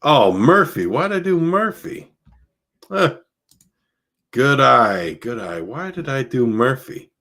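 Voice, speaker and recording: A man reading a novel aloud on a live stream, then chatting casually with his viewers. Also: medium pitch. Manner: relaxed and chatty, with laughs and fillers between readings. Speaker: audiobook reader streaming live.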